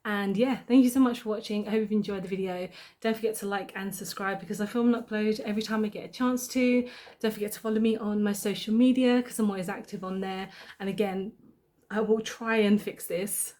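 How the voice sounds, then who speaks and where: Woman, young, beauty vlogger, chatty, talks while doing makeup, medium pitch. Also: steady tone, fairly quick, darkish tone. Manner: chatty, thinks aloud while applying makeup. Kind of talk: casual makeup tutorial chat.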